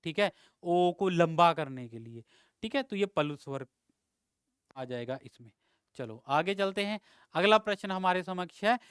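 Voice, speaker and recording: A man's voice: high-pitched, a bit bright, smooth, dry recording, studio quality. A man teaching an exam-prep grammar lesson, explaining step by step, quizzing his students and drawing out vowel sounds to show them.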